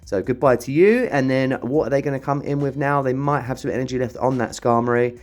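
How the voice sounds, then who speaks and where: A man's voice: mid-range voice, a little fast, a little mellow. A young man commentating on his own gameplay, explaining moves and ranting when the game annoys him. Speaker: gaming commentator.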